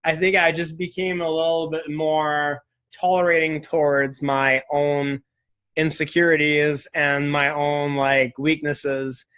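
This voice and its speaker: A man's voice: fairly high pitch, flat delivery, takes it slowly, a bit bright. Candid young man, reflective and chatty. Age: 20s. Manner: candid, reflective, many fillers like "like" and "right?". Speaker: interview guest. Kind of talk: casual interview conversation.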